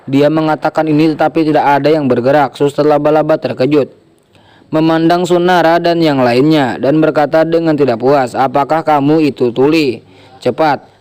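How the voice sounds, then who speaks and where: A man reading a translated novel aloud, steady, with occasional stumbles and restarts. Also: fairly high pitch, normal speed. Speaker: web novel reader.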